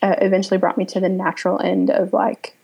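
A writer in her thirties from Pennsylvania appears as a guest in a casual interview, reflecting haltingly with many "um" fillers, pausing and circling back. Her voice is husky with gravelly fry, at an ordinary middle pitch for a woman and quite flat.

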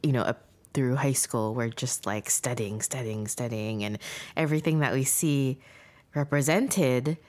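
A woman's voice: rumbling low, measured pace, darkish tone. A woman in her thirties co-hosting a podcast, chatting casually and reflectively, thinking aloud in a rambling way. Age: 30s. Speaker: podcast co-host.

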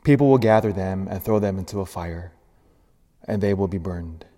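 Priest in a cathedral echo. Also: male voice, low-pitched, normal speed, warm tone. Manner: earnest and emphatic, building up through lists. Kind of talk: gospel reading and homily. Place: large church. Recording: long reverb of a large church.

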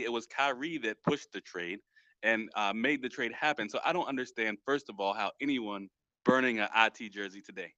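A man's voice: medium pitch, pushed and bright, no room sound, muffled recording. A man co-hosting a podcast, talking sports casually and with feeling, full of slang. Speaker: podcast co-host. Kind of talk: casual chat about sports.

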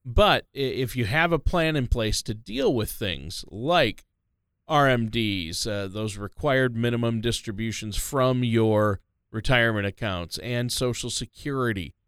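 A man's voice: mid-range voice, unhurried, a bit bright, clean tone, no room sound, clean studio sound. A man co-hosting a talk radio show, upbeat as he recaps the show and sets up questions for the host.

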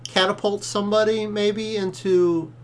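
A man's voice: sits high, flat delivery, measured pace. A man co-hosting a casual watch-along, recapping wrestling history with dry jokes.

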